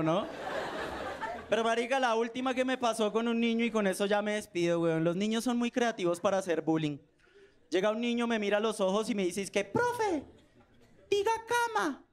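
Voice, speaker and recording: A man with a Colombian accent doing a live stand-up set, telling slangy stories and acting out voices. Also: high-pitched. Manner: slangy storytelling with acted-out voices. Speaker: stand-up comedian. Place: comedy stage with a live audience. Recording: live stage recording with crowd laughter and noise.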